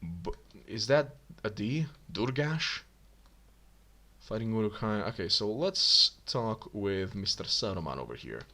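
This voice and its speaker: A man's voice: fairly low pitch, big pitch swings, unhurried, bright, forceful tone. A man casually commenting while he plays a video game, chatty and thinking aloud, often correcting himself. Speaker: gaming YouTuber. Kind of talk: casual let's-play commentary.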